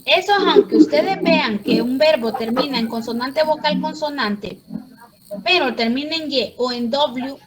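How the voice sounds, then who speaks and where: A woman's voice: high voice, measured pace, rough recording. A woman teaching English grammar to a class, explaining patiently step by step.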